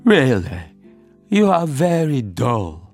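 Storybook role: sorrowful, pompous old turtle, widely swinging intonation, halting sighs, music underneath. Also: male voice, on the low side, big pitch swings, darkish tone. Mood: indignant. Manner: drawn-out, halting delivery broken by heavy sighs. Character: mournful, self-important old male turtle, sighing storyteller. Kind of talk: theatrical storybook reading.

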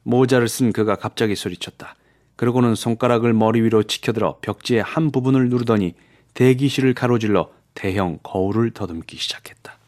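A man narrating an audiobook in a steady, even storytelling manner. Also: medium pitch, brisk.

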